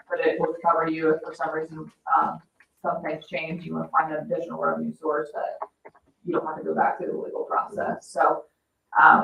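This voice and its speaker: At a public meeting in an indoor municipal room, a financial advisor with a deep, creaky voice explains things in a businesslike manner. The recording comes from a distant mic and sounds echoey and dull, with faint noise.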